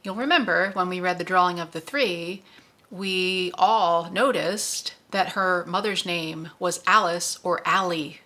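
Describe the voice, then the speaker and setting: A woman's voice: fairly low pitch, measured pace, bright, forceful tone. A woman hosting a book club discussion, chatty and conversational, often correcting herself as she goes.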